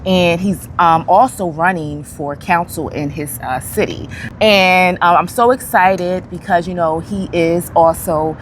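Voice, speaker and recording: A woman's voice: on the low side, measured pace, slight background noise. Upbeat woman hosting an interview. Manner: upbeat, eager, many fillers. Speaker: interview host. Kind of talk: casual video interview. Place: outdoors in a city.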